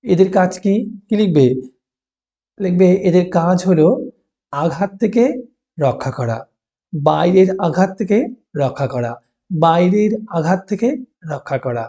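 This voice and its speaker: A man's voice: high voice, lively intonation, measured pace, long pauses, dark tone. A male teacher giving a school lesson, dictating answers to write down in short, repeated pieces and prompting with questions. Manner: instructive, prompts with questions then answers them. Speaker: teacher explaining class 5 textbook answers. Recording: dull, muffled lo-fi recording.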